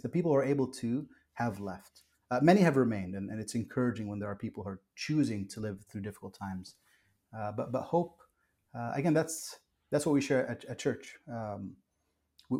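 A man's voice: mid-range voice, mellow. A man who was born in Kuwait and raised in the US, a pastor talking earnestly and reflectively in a podcast interview, with frequent restarts and fillers.

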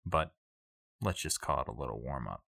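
A man's voice: a bass voice, animated, moderate pace, gravelly, pushed and bright, dry recording, studio quality, voice pushed down, exaggerated voice. A man voicing a menacing male crime boss in a tabletop game, speaking in a clipped, coolly threatening way. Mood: cold menace.

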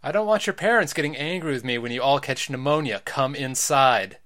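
A man's voice: mid-range voice, lively intonation, a little fast, a bit bright, close to an everyday voice. A man doing a fretful scolding mom. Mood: pleading. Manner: insistent, scolding. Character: fretful mother calling kids inside.

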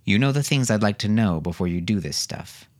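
A man's voice: fairly low pitch, lively intonation, brisk, natural voice. A man reading an audiobook, voicing a teasing, sarcastic young mother with a raised, lighter voice. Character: teasing, sharp-tongued young mother and wife.

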